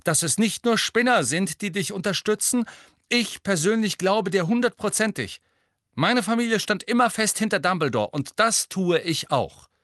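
Man voicing loud, stiff, pompous schoolboy, high and dry. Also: animated, moderate pace, no echo. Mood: solemn. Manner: loud, carrying, formal.

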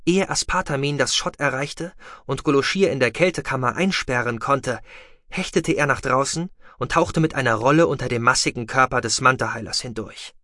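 Heller, trockener Hörbuchsprecher. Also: male voice, medium pitch, normal speed, pushed and bright, dry recording, clean studio sound. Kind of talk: scripted audiobook narration.

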